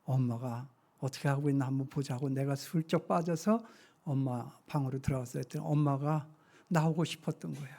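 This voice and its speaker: A male pastor in his sixties preaching a sermon, telling stories with feeling and swinging from hushed to loud. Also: medium pitch, steady tone, fairly quick, creaky. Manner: emotional storytelling, shifting from hushed to loud. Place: church sanctuary.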